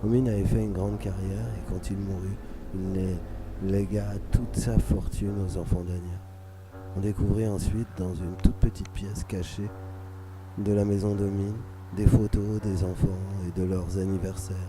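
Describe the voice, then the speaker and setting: A man reading a scripted dramatic story for radio in a measured, solemn, literary way. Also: deep voice, flat delivery, warm tone. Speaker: narrator. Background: music under the voice.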